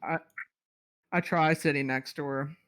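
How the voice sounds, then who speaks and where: Earnest, slow, bright-voiced player man. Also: a little high, fairly even intonation. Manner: earnest, halting, with crude swearing. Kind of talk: in-character role-play.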